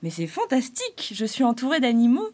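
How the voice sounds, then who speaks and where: A woman's voice: a little high, moderate pace, dark tone, voice pushed up, lightly acted. A woman voicing a cheerful male harlequin spirit bouncing on a spring, exclamatory and eager in a storybook reading. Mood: delighted.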